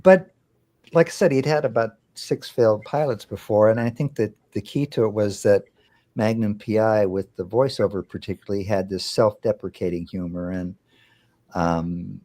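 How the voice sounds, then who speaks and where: An older man, a guest on a sports talk radio show, answering in a halting, thoughtful way with many pauses and fillers. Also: fairly low pitch, mellow. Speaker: guest, television executive. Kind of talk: radio interview.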